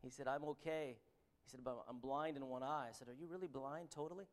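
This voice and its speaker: Speaking in a mid-range voice, this Canadian-accented man delivers a sermon and reads scripture aloud. His earnest delivery stumbles, full of ums and restarts.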